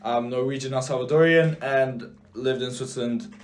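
A teenage boy runs a relaxed podcast chat, tossing loose questions to his friends. His voice sits in a mid range, with a faint hiss under the recording. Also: mid-range voice, moderate pace. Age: teens. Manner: loose, steers the talk with questions. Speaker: podcast host. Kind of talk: casual chat.

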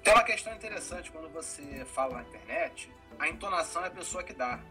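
A man's voice: a little high, lively intonation, fast talker, sharp tone, soft background music, rough recording. A man hosting a casual discussion, explaining ideas thoughtfully. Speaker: host.

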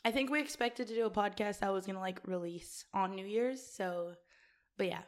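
A woman co-hosting a podcast in casual, slangy chat, her voice hoarse and partly gone from days of losing it. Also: medium pitch, a little fast. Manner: informal, slangy, swearing. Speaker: podcast co-host.

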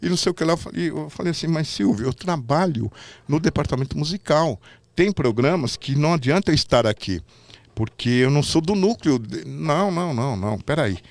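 A man's voice: a little high, brisk, no room sound. A middle-aged man with a São Paulo accent, a guest telling backstage stories in a casual interview and acting out the people he quotes. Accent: São Paulo Portuguese. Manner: lively anecdotes, acts out the people he quotes.

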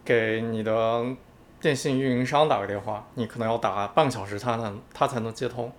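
A man co-hosting a podcast in casual chat, explaining calmly and patiently, often repeating words. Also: mid-range voice, fairly quick. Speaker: podcast co-host.

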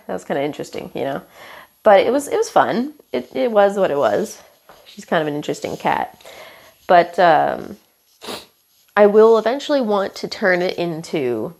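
A young woman hosts a podcast while walking around her house, using a headphone mic plugged into her phone. Hoarse and stuffed up from being sick, she speaks in a lowish voice, meandering with lots of fillers and apologies and some casual swearing.

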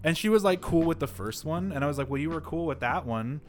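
A man's voice: on the high side, animated, quick pace, soft background music. A man co-hosting a podcast, telling a work story in casual chat, full of "like" fillers and acted-out quotes. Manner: rambling, many "like" fillers, acts out quotes. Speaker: podcast co-host. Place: live-streamed podcast setup.

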